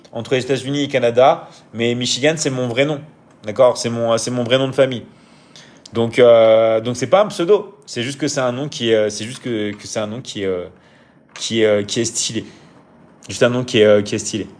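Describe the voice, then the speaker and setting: A man's voice: mid-range voice, fairly quick, darkish tone. A man hosting a casual live stream, answering viewer comments in a hesitant way, with frequent fillers and restarts, and often checking in with his audience. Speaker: live-stream host and coach.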